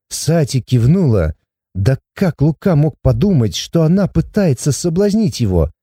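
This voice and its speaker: A man reading a novel aloud as an audiobook narrator, expressive and measured. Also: fairly high pitch, no echo, studio quality. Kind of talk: scripted narration.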